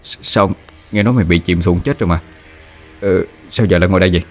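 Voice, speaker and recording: A man's voice: sits low, lively intonation, very fast, faint music behind. A man voicing a brash young village man who talks urgently, in an audio ghost story. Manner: urgent, commanding.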